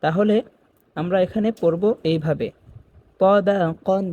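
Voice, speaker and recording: A man teaching Quran reading, spelling out letters slowly and repeating each word for beginners. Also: fairly high pitch, phone-quality sound, a little hiss or hum. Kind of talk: step-by-step spelling lesson.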